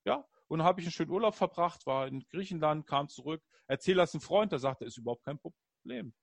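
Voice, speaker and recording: A man in casual conversation, telling personal stories in an animated, upbeat way. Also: a little high, fast, no echo.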